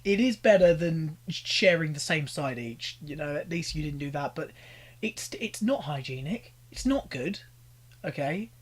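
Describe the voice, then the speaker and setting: Young British man, husky voice, exasperated reaction commentary, ranting, pleading. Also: a little high, animated, measured pace. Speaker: commentary YouTuber.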